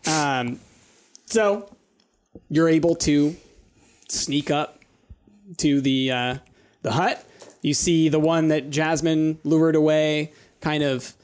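A man acting as game master, improvising narration for a tabletop game in a halting, thinking-aloud way. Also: on the high side, a little mellow.

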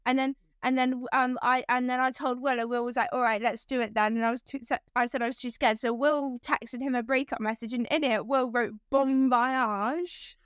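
A woman's voice: fairly high pitch, little pitch movement, fairly quick, few pauses, clean tone, no room sound. A teenage girl co-hosting a podcast, chatting casually in a giggly, rambling way with many fillers. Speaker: podcast co-host. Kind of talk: casual chat.

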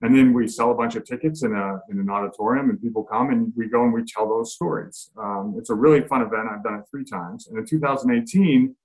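A man, an author and reporter, answering interview questions in a relaxed way with frequent fillers. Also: medium pitch, fairly quick, few pauses, rough recording.

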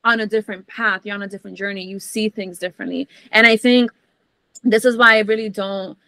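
A woman guest on a podcast talking in a casual, animated and blunt way, swearing freely. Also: mid-range voice, brisk, gravelly, no room sound.

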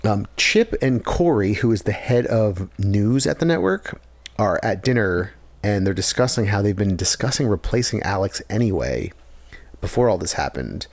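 Low-voiced man recapping a show. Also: animated, normal speed, no echo. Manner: long plot recaps with fillers. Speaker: podcast co-host recapping a show. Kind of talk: casual chat.

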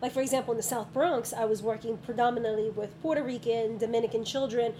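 A woman's voice: a little high, quick pace, poor audio. A woman school counselor chatting casually in an interview, telling stories with frequent ums. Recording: steady background noise.

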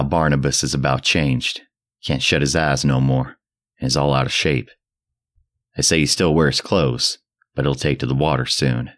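A man voicing a terrified old drunk who rants in a shrill, cracking old voice and a rustic dialect. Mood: muttering. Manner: rustic old New England dialect, ranting. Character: terrified old male drunk, rambling and frantic.

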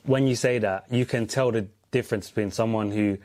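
A man's voice: on the low side, fairly even intonation, brisk, darkish tone. A man with a London accent hosting a casual podcast chat, slangy and often repeating his phrases. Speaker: podcast host, interviewer.

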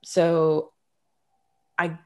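A woman's voice: sits low, monotone, drawn-out words. A woman of about thirty from Canada, a guest telling her story in a candid, reflective way, now and then dryly sarcastic, often restarting her sentences. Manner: reflective, open, with dry sarcasm and frequent restarts. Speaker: interview guest.

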